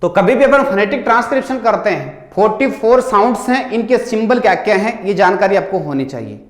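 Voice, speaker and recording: A man's voice: high voice, animated, brisk. A man teaching an exam-solution lesson in Hindi with a Rajasthani accent, explaining step by step and answering his own questions. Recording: echoey room.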